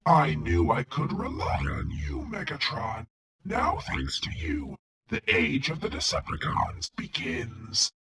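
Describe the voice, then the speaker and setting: A man voicing a vengeful, grandiose robot warlord in a villain demo, with a gravelly, raspy voice and an imperious, theatrical delivery. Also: on the high side, wildly swooping pitch, slow pace, bright, forceful tone, heavily acted. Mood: scheming. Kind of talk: scripted villain voice acting demo.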